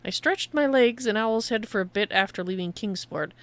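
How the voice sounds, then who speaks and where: A woman's voice: mid-range voice, expressive, normal speed, natural voice. A woman voicing a shady, boastful outlaw trader in a video game, with salesy, roguish patter. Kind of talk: voiced reading of video game dialogue.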